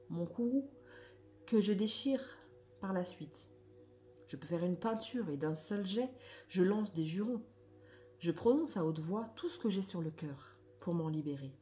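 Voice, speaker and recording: Soft-spoken woman reading oracle cards. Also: mid-range voice. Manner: soft, reflective, often trailing off. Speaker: spiritual card reader.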